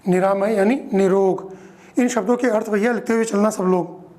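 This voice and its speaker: A male teacher giving a grammar lesson, explaining slowly and repeating each word, often checking in with the class. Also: high-pitched, steady tone, a little mellow.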